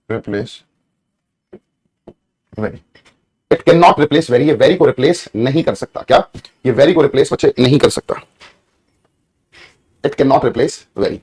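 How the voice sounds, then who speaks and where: A medium-pitched man with a husky, darkish voice runs an exam-prep grammar lesson in English. He tends to repeat points, questions his students, and lengthens words as he dictates.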